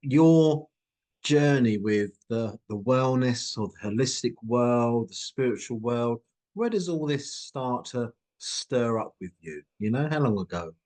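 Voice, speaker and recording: In a measured, slightly mellow voice of medium pitch, a man who is a company CEO runs a brief interview. His questions are friendly, upbeat, and encouraging, though he frequently restarts what he's saying.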